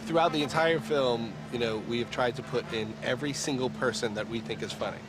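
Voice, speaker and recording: A man's voice: medium pitch, fairly quick, background noise. A man speaking as a filmmaker in a behind-the-scenes interview.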